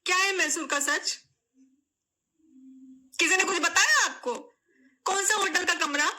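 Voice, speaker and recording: A young woman makes a tearful, pleading statement to camera in her vlog. Her voice sits high and very bright, and she repeats phrases over and over as it breaks. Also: measured pace. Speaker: vlogger.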